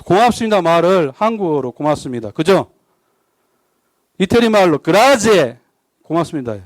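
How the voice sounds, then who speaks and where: A man preaching with a high, bright voice that leaps up and down through his sentences. He jokes and keeps firing questions at the congregation. The sound is close and dry, with little room echo. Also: normal speed. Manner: lively, jokey, keeps asking the congregation questions. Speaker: guest pastor. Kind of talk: sermon. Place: church service.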